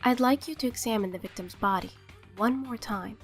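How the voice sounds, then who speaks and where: A woman voicing a cool, composed teenage girl detective in an anime fan dub, measured and matter-of-fact. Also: a little high, soft background music, close to an everyday voice. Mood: composed, instructing.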